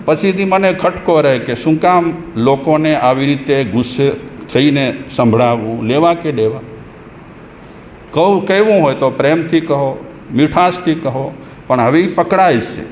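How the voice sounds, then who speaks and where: A man's voice: a little high, expressive, measured pace, a little mellow. A man, a Jain monk, giving a sermon in a conversational, humorous way and chanting verses in between. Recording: echoey hall with faint noise.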